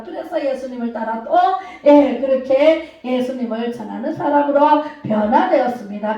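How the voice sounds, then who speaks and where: A high-pitched woman preacher delivering a lively sermon, tossing questions to her congregation and acting out loud cries. Her voice booms around a very echoey church hall and sits well back from the microphone. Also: far from the mic, highs cut off. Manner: lively, calls out questions to the congregation, acts out shouting. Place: church sanctuary.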